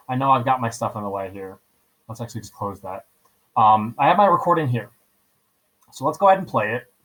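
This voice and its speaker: A man gives a casual, step-by-step software tutorial as a screen recording, repeating things and checking in with "right?" often. He speaks at medium pitch with a pushed, bright quality, on a low-quality recording.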